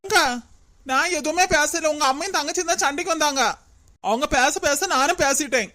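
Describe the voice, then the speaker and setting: A woman's voice: high-pitched, fairly quick, bright, forceful tone. A woman voicing a defiant young daughter-in-law in a cartoon, arguing back in a Kanyakumari Tamil accent. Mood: defensive. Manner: indignant, retorting.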